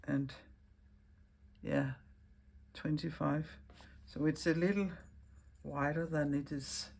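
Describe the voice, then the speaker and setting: A Danish-accented woman guides viewers through a stitching project at an unhurried, easygoing pace. Her voice is hoarse and gravelly, with plenty of fry. She thinks out loud as she goes and often stops to rephrase herself. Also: sits low, steady tone. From Denmark. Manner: chatty, thinks aloud, corrects herself mid-sentence. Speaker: embroidery teacher. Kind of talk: hands-on stitching tutorial.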